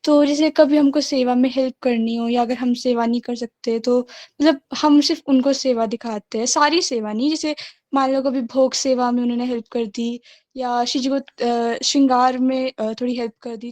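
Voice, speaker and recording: A woman's voice: high-pitched, steady tone, moderate pace, a little mellow. A woman caller asking a question politely and hesitantly. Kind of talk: asking a question on a live call.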